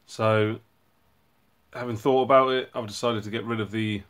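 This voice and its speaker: A man hosting his own hobby channel, casually walking through a project and explaining it in a relaxed way with frequent ums and uhs. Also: lowish voice, moderate pace. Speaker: robotics hobbyist channel host.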